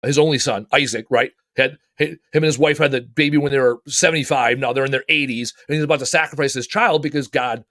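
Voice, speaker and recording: A man hosting a show and talking casually. He tells stories bluntly, swears freely and gets animated. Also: mid-range voice, fast talker, hardly any pauses, no room sound, studio quality. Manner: blunt, profane, animated storytelling. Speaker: podcast host and author. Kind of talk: casual motivational talk.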